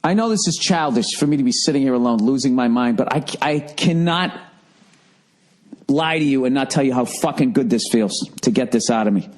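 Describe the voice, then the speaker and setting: A man's voice: medium pitch, lively intonation, fairly quick. A middle-aged American man hosting a podcast alone, delivering a profane, exasperated comedy rant. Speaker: podcast host. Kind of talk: solo ranting comedy monologue.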